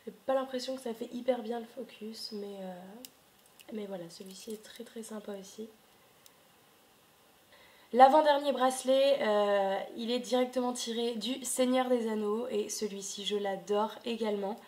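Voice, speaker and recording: A woman's voice: fairly high pitch, moderate pace, darkish tone. A young woman vlogging casually at home, chatting with many hesitations and fillers into her camera. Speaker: book vlogger. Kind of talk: casual video chat.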